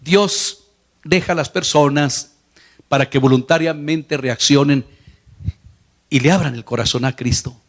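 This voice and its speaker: This Latin American man preaches a Spanish sermon as a pastor, his fairly high voice a little slow and broken by frequent pauses. He is earnest, and his voice lifts on quoted lines as he retells scenes.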